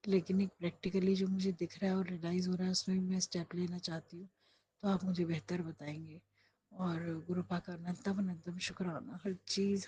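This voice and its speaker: A woman's voice: lowish voice, a little mellow, husky, poor audio. Earnest woman in heartfelt prayer. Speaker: devotee praying aloud. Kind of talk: spoken personal prayer.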